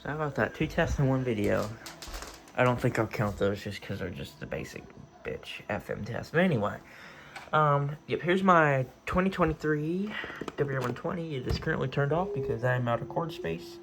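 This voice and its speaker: In a noisy home recording, a vlogger into radio casually shows off his gear in his room, rambling and hesitating along the way. His voice is medium-pitched, animated and fairly bright, at a moderate pace.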